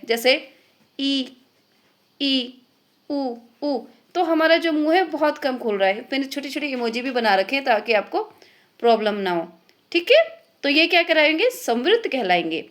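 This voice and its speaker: Woman teacher with a high voice, explains step by step, keeps checking "okay?", throws in bits. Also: fairly bright tone. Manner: explains step by step, keeps asking "ठीक है?", drops in English phrases. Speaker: Hindi grammar teacher. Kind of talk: classroom-style online lesson.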